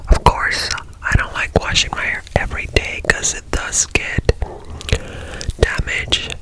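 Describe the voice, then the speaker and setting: Slow, whispering ASMR woman. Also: rough recording. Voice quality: soft whisper. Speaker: ASMR creator. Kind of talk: whispered ASMR, casual personal chat. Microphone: handheld mic.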